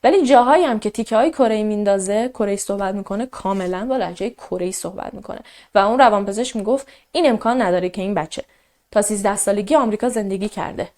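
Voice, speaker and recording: A woman casually narrating a true crime case, quoting the people involved as she goes. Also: medium pitch. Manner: animated, quotes characters in a raised voice.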